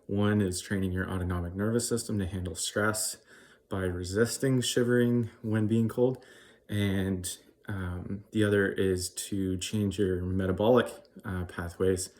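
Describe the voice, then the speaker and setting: Male vlogger with a low voice, casual and hesitant, shivering just out of ice cold water. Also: steady tone, a little mellow. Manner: hesitant, halting explanations. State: shivering and chilled after an ice cold bath. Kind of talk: casual vlog talk.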